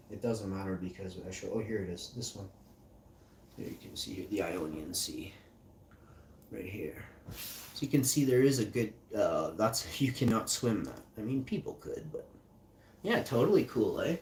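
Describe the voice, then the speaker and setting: A man's voice: fairly low pitch, animated, darkish tone, far from the mic. A man chats on his livestream, stumbling through text he reads aloud and drifting off into loose musings. He sits back from the mic in an echoey room with a faint hiss underneath. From Icelandic and German parentage. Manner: rambling, reads aloud haltingly and muses between lines. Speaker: livestream host. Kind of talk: casual livestream chat, reading aloud.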